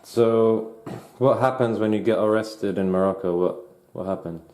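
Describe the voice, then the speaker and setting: A man interviewing someone, asking questions haltingly and restarting them. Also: on the low side, warm tone, roomy sound, slight background noise.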